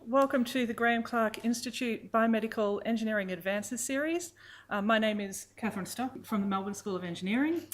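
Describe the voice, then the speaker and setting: A woman hosting a public lecture, giving a warm, admiring introduction of the guest speaker with small fillers. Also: fairly high pitch, fairly quick, slight background noise, rough recording. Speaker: event host. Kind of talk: formal introduction.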